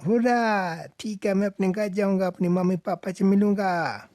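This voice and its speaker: A man's voice: high-pitched, moderate pace, darkish tone, dry recording, lightly acted. A man voicing a small, naive baby chick who talks in a childish, whiny way for a cartoon. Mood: eager. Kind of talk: cartoon voice acting.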